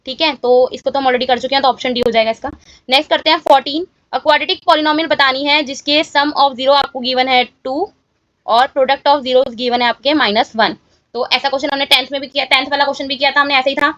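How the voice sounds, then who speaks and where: A woman's voice: high-pitched, fairly even intonation, a little fast, fairly bright tone, no echo, dull audio. A woman teaching a maths lesson, walking students through each step of exam answers and checking in with them often. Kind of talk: exam-solution walkthrough lesson.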